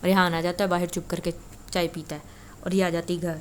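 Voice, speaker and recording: A woman's voice: lowish voice, little pitch movement, a little hiss or hum. A woman casually retelling a story in a chatty, conversational way. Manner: chatty, conversational, frequent filler "na".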